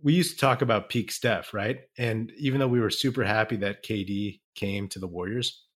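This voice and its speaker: A man's voice: fairly low pitch, moderate pace. A man from the San Francisco Bay Area, hosting a casual sports podcast and chatting loosely with plenty of fillers. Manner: conversational, leans on fillers like "like" and "man". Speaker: podcast host.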